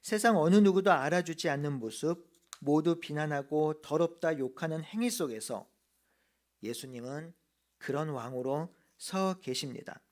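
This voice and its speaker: Earnest Korean pastor preaching a sermon. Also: male voice, fairly high pitch, a little mellow. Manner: earnest preaching, slows to stress key phrases. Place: church.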